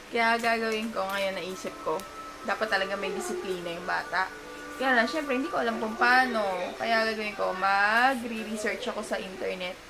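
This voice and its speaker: A woman's voice: mid-range voice, moderate pace, over music, low-quality recording. A young woman vlogging as a first-time mother, cooing baby talk to her toddler and then chatting frankly to the camera at home. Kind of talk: casual home vlog chat.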